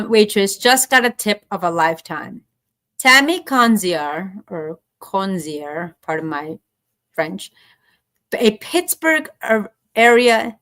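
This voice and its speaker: A woman reading a story on a casual talk show, pitched a little high. She stumbles over words and breaks off to make chatty side comments. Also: fairly bright tone. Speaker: show co-host reading news.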